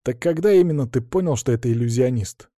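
A man playing a gruff male teacher, grumbling, curt, dry audiobook sound. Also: medium pitch, animated, fast, mellow, no room sound, close to an everyday voice.

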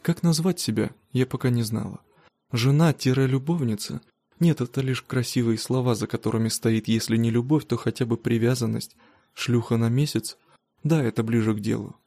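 Male audiobook reader, steady delivery, mellow tone, dry booth. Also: medium pitch, moderate pace, dry recording. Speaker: audiobook narrator. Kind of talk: first-person audiobook narration.

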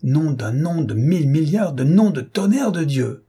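A man voicing a sly, rough young coach driver who swears loudly and talks like a country man. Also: mid-range voice, expressive, normal speed. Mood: furious. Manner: cursing loudly, rustic speech.

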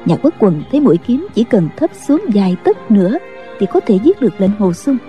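A woman narrating a martial-arts novel audiobook in a steady, even storytelling manner. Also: mid-range voice, fairly quick, soft background music.

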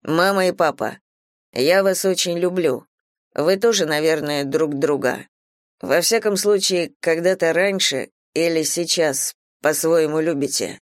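A woman reading a story and voicing a gentle young son who anxiously pleads with his parents. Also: deep voice, a little slow, dry recording, studio quality. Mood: earnest. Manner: soft, pleading.

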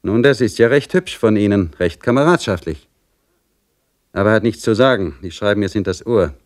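Guy doing a sneering sly servant, sarcastic, voice raised above his deep normal. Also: lively intonation, moderate pace, natural voice. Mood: taunting. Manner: sarcastic, taunting. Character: sly mocking male servant, young adult.

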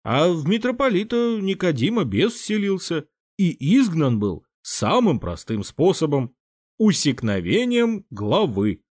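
Man reading as an old church patriarch, calm and measured, lively pitch, dry close mic. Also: no echo. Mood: wry. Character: calm elderly male patriarch, weary and wise. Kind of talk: audiobook character voice.

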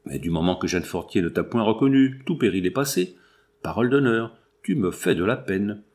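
A man's voice: on the low side, expressive, brisk, a little mellow. A man reading as a cold, breezy accomplice. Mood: scheming. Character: cynical, cold-blooded middle-aged male accomplice.

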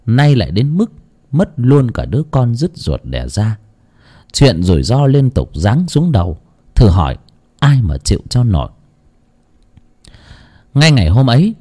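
A man narrating a village horror story in an expressive, dramatic way, dropping to hushed lows and rising for emphasis. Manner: expressive, swings between hushed low and raised tones.

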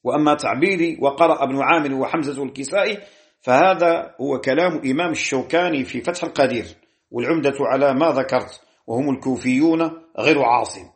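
A man giving a scholarly lecture on Quranic readings, drawing out key words slowly and citing his sources as he teaches. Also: mid-range voice. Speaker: Islamic jurisprudence teacher.

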